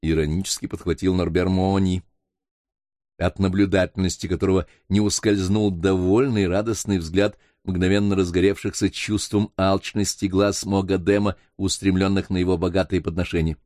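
A man narrating an audiobook in a measured, expressive reading. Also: low-pitched, no echo, studio quality.

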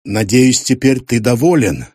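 A man playing a menacing keeper holding a gun, growling and sneering his threats in a husky voice. The read is dry and close, in a thriller audiobook. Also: mid-range voice, lively intonation, measured pace, a little mellow, no room sound. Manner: growling, hissing, mocking. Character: menacing, mocking male museum keeper with a gun.

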